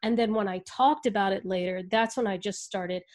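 A woman speaking as an interview guest, earnest and reflective, talking in halting bursts as she thinks things through. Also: mid-range voice, a little mellow. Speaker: guest speaking about the ad industry. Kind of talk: candid interview conversation.

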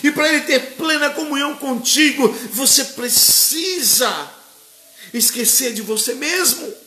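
A Brazilian preacher leads a live-streamed sermon in a very high, bright voice, fervent and emotional. He sounds like he is in an echoey room, with faint music playing behind him. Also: animated, measured pace. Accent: Brazilian Portuguese. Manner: fervent, emotional, greets viewers by name.

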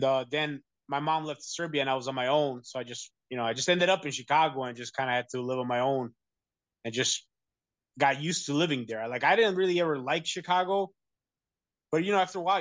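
Speaking as an interview guest, a man from the United States rambles through casual conversation with many fillers and false starts. His voice sits fairly high and a little bright, recorded without echo.

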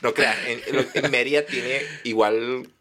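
A Venezuelan comedian with an Andean Táchira accent, chatting casually with a friend in a rambling, gossipy way. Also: male voice, medium pitch, steady tone, a little slow, pushed and bright. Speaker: guest comedian. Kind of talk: casual chat between friends.

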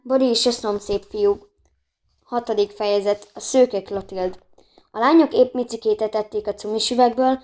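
A woman's voice: medium pitch, darkish tone. A woman reading a children's book aloud, who often stumbles and restarts words. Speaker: audiobook reader.

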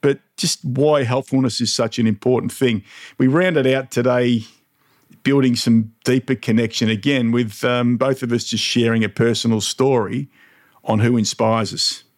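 A man's voice: medium pitch, steady tone, normal speed, no room sound, studio quality. Laid-back male podcast host. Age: middle-aged. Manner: laid-back, chummy, with fillers and laughs. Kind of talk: casual podcast chat.

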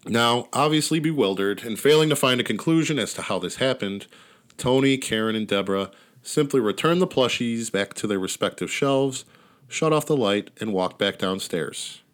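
This podcast host sounds animated, speaking at normal speed in a medium-pitched voice. He tells a story in a laid-back, wry manner with casual swearing, while neighborhood ambience from outdoors plays behind him.

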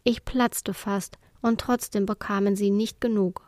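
A woman reading the part of a lonely, gentle female ship spirit who sighs as she tells her story, in a storybook reading. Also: mid-range voice, steady tone, measured pace, no room sound, studio quality, lightly acted. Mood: wistful.

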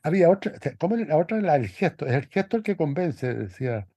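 A man's voice: fairly high pitch, big pitch swings, fast, warm tone, husky, no echo, studio quality. A man, co-hosting a podcast and talking through a film in a loose, thoughtful way with many restarts. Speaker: podcast co-host. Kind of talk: casual film discussion.

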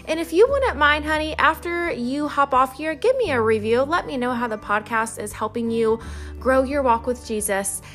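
A woman hosts a devotional podcast in a casual, heartfelt way, and keeps calling her listener sis and baby. Her voice sits fairly high and sounds bright and forceful. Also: lively intonation, moderate pace, soft background music. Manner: chatty and emotional, calls listener girl, sis, baby. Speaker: podcast host. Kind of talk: casual devotional podcast talk with Bible reading.

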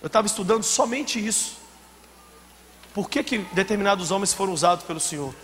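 A male pastor delivers an animated sermon in a high, bright voice. He swings between calm teaching and loud, shouted re-enactments. The sound carries a long hall reverb with faint ambience behind it. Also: a little fast, a little hiss or hum. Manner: animated, acts out scenes with shouted outbursts.

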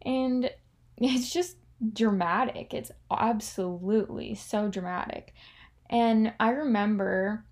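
A woman's voice: mid-range voice, darkish tone. A woman in her twenties hosting her own podcast, talking candidly and casually, full of "like" and the odd swear word. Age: 20s. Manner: candid and chatty, heavy filler "like", swears freely. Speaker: podcast host. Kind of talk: casual confessional monologue.

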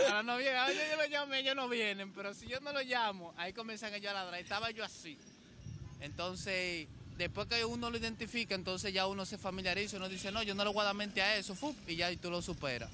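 A man's voice: high voice, sharp tone, a little hiss or hum. A man chatting casually on a podcast, telling personal stories and checking that his listener follows along. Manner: tells personal anecdotes, often asks "you know?". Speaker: podcast co-host. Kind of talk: casual chat. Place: outdoors beside a street, people nearby.

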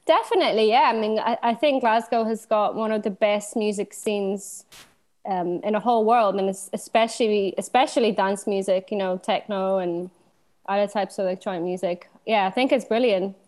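A woman's voice: mid-range voice, normal speed, darkish tone. Woman from slovenia, 30s, dj guest, mid voice, chatty and a bit hesitant, laughs a lot. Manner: thoughtful, hesitant, laughs easily. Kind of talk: casual interview chat.

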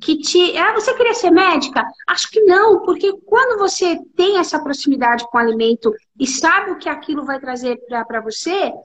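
High-voiced woman telling a family story. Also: a little fast, hardly any pauses. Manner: emotional storyteller, acts out quoted dialogue. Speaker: guest, clinical nutritionist. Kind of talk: interview conversation.

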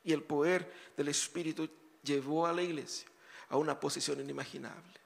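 A man's voice: a little high, steady tone, brisk, vocal fry. A man pastor preaching a sermon in a conversational way, full of rhetorical questions and casual asides. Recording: long hall reverb.

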